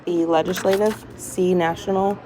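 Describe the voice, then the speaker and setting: A woman reading multiple-choice test questions aloud item by item in a hospital room, deliberately and with small stumbles. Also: lowish voice, fairly even intonation, mellow. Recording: noisy hospital room with background chatter. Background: people talking, ambient noise.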